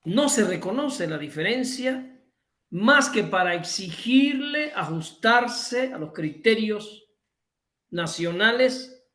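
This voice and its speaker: A Cuban man with a Cuban Spanish accent gives an emphatic online lecture over a video call, restating points and correcting himself often. His voice is high-pitched and a bit bright, with a roomy sound.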